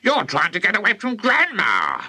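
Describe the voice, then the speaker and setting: Storybook villain: a man playing a sly old grandmother, high and creaking-slow, husky edge, gloating. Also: huge pitch swings, pushed and bright, dry recording, heavily acted. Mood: menacing. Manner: slow, relishing, creepy drawl.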